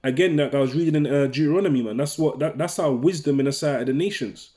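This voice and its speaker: A man's voice: on the high side, fast talker, darkish tone. A man preaching informally, reading scripture and tagging his lines with "man" and "right?". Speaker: religious teacher.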